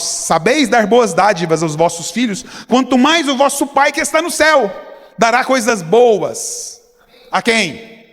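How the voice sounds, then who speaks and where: A man's voice: high voice, fairly bright tone. A Brazilian man preaching as pastor, emphatic, with the congregation made to repeat his words. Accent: Brazilian Portuguese. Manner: emphatic, calls on the congregation to repeat after him. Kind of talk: sermon. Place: church sanctuary. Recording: reverberant church hall.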